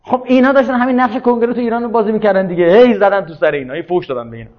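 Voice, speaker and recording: A man lectures in a loose, conversational way, arguing his points and asking over and over whether his listeners follow. His voice sits fairly high for a man. The recording is muffled and lo-fi. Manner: argumentative, checks listeners follow with rhetorical questions. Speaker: speaker on religion and politics. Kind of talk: informal lecture.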